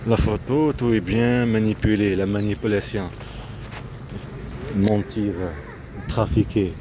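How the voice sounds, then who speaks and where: Outdoors next to a road busy with vehicles, a man with a lowish, steady voice takes his time, talking spontaneously and circling back over the same broken phrases. Traffic noise from the street fills the recording.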